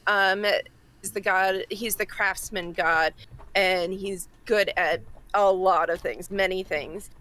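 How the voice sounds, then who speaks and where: A woman's voice: mid-range voice, steady tone, slow pace, bright, forceful tone. A woman with a Massachusetts accent, cohosting a podcast and chatting casually while explaining a pagan festival, laughing often.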